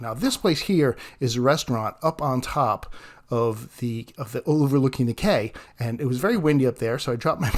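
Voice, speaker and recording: A man hosts his own fishing travel vlog, talking to the camera at a medium pitch. He is chatty and easygoing, and often breaks into short laughs between phrases. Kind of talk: casual vlog narration.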